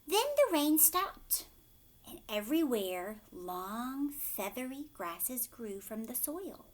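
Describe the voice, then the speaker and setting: This is a woman teacher reading aloud from a storybook for children, her slow delivery pitched on the high side. She reads expressively, hitting key words hard and frequently asking questions.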